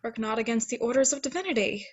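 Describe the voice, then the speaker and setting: High-voiced woman as serene, steadfast saint. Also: expressive, breathy edge. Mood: firm faith. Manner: solemn, assured, measured. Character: Saint Catherine, serene, devout female heavenly spirit, steadfast guide. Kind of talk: table-read stage acting of religious drama.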